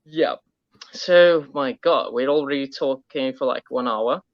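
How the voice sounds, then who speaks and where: A man hosting a casual conversation, hesitant and filling pauses with um. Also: medium pitch, no room sound. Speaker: host. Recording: dull dry lo-fi sound.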